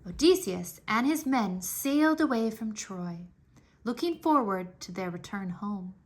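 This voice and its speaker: This is a woman's medium-pitched, unhurried narration of a children's history book. She uses a lively storybook style, articulating clearly and emphasizing the dramatic words.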